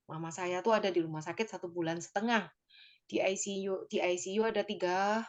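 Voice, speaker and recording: A woman giving a personal testimony to her church group, talking conversationally and emotionally, with many fillers and tag phrases, and speaking directly to her listeners. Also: fairly low pitch.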